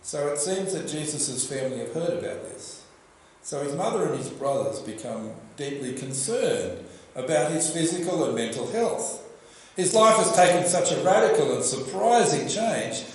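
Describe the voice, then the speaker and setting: An older Australian man preaching a sermon at a church lectern, telling the story in a lively way and asking the congregation questions. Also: on the high side, normal speed, slight background noise. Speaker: pastor. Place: church hall with projection screen. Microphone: lectern microphone. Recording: very echoey church room.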